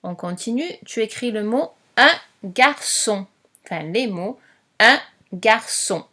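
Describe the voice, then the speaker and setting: A woman teacher giving a slow spelling dictation, patiently spelling out letters one by one. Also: fairly high pitch, lively intonation, pushed and bright.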